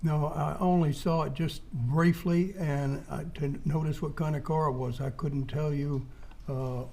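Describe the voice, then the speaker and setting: A man testifies as a witness in a hesitant, halting manner. His tone is mellow and his pitch stays within a narrow, even range. He sounds understated and measured, answering in a courtroom style. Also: creaky.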